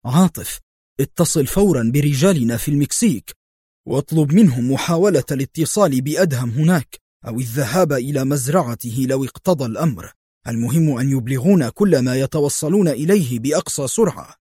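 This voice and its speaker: A man's voice: mid-range voice, expressive, brisk, mellow, breathy edge, no room sound, studio quality. A man reading as a stern intelligence chief. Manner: firm, commanding. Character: stern middle-aged male intelligence director.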